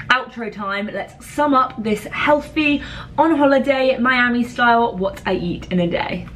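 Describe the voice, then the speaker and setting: Young woman, chatty vlogger, slightly high voice. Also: slight background noise. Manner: chatty, self-deprecating. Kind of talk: casual vlog chat. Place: small bathroom at night.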